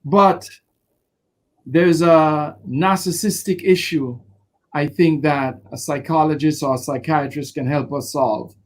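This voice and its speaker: Expressive male lawyer, high-pitched, animated interview delivery. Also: slow. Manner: expressive, acts out quotes with laughter. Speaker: defense lawyer.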